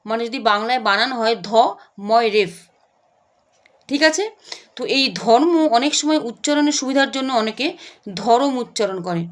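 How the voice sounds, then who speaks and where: A woman's voice: on the high side, normal speed, pauses often. A woman teacher giving a grammar lesson, explaining step by step and often checking that her students follow.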